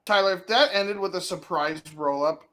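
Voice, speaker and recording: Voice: medium pitch, moderate pace, fairly bright tone. A co-host chatting casually during a watch-along, playfully calling out to the wrestlers on screen. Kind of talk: casual chat.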